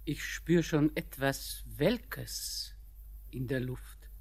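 Slow-speaking blind old grandmother. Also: a bass voice, breathy edge, heavily acted. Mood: pensive, uneasy. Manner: slow, pensive, poetic delivery. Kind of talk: German radio play acting.

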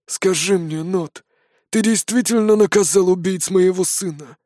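A man puts on a hunched, ancient old man who speaks in a raspy, rustling hush. His words are slow, grave and quiet. The audiobook sound is close and dry. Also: high-pitched, dry recording.

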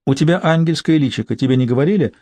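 A man's voice: on the high side, very fast, dark tone, no echo, pitched above the performer's own voice, lightly acted. A man voicing a flamboyant, teasing young man who jokes constantly, in an audiobook. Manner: camp and teasing. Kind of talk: audiobook character voice.

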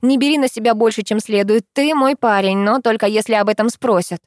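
A woman voicing a bossy, prickly teenage girl who squeaks and bristles in an audiobook. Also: steady tone, brisk, no room sound, clean studio sound, lightly acted. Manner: indignant, squeaky. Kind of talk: audiobook character voice.

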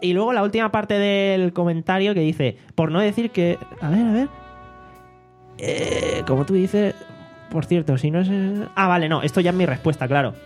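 A man's voice: sits high, moderate pace, soft background music. A man, hosting a casual podcast, reading out listener comments in a mocking, swearing tone. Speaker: podcast host. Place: home studio.

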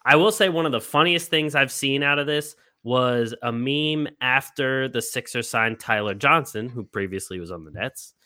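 Bright-voiced laughing podcast host. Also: male voice, mid-range voice, expressive, normal speed, hardly any pauses. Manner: laughs a lot, many fillers. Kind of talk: casual chat.

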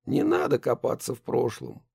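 A nervous, secretive son speaks in a gravelly, husky, resigned tone, as a male reader acts him out. The sound is close and dry. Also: medium pitch, fairly even intonation, moderate pace, a little mellow, dry recording, voice pushed up, heavily acted.

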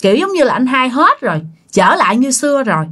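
A woman's voice: sits high, sing-song, fast talker, fairly bright tone. A woman with a Southern Vietnamese accent telling a ghost story in a chatty, casual way, addressing her listeners directly.

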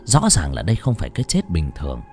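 A man narrating a story in a dramatic, expressive way. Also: sits low, fast talker, soft background music. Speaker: audiobook narrator.

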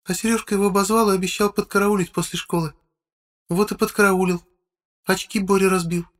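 A man voicing an upset, tearful schoolgirl in an audiobook, in a high, soft, pleading voice. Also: level tone, brisk, natural voice.

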